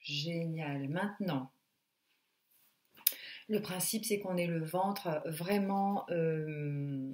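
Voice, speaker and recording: A woman teaching a singing lesson, coaching breathing and relaxation in a slow, calm way and demonstrating sung sounds. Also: low voice, slight background noise. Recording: echoey room.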